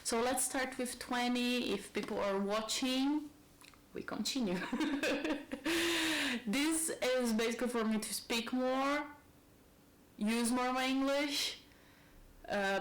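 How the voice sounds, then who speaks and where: In a roughly recorded video, a thirtysomething Brazilian woman vlogs at home, musing aloud and wandering from topic to topic. She speaks English as a second language with a heavy Brazilian Portuguese accent, in a voice pitched a little high.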